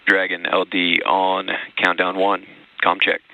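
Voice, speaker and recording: A man's voice: sits low, monotone, measured pace, gravelly. A man speaking as a launch director on astronaut radio, in procedural but collegial comm checks. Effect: radio transmission. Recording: tinny narrow-band radio link.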